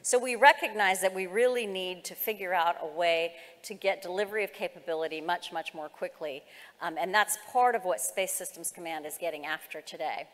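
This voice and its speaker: This keynote comes from a middle-aged American government executive addressing a large conference hall from the stage, with reverberant hall sound. She explains things semi-formally in a voice on the low side that is fairly bright and a little fast.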